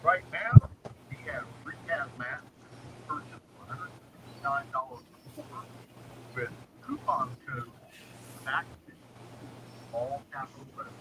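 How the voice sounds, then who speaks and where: A man joining a live video stream to chat casually. He comes through on low-quality stream audio, muffled as if underwater. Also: a little slow, long pauses. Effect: low-quality stream audio, muffled and faint as if underwater. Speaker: co-host on a live reloading stream. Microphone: cheap webcam mic over a video call. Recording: noisy, distant, muffled webcam-call audio.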